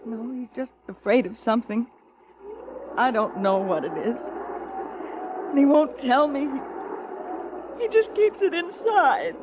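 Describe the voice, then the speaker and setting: In an old western radio drama, an actress plays a worried, loyal frontier wife with an American accent, sounding folksy, earnest and plaintive. Her fairly high voice is expressive and a little slow, with frequent pauses. The recording is a noisy old radio broadcast.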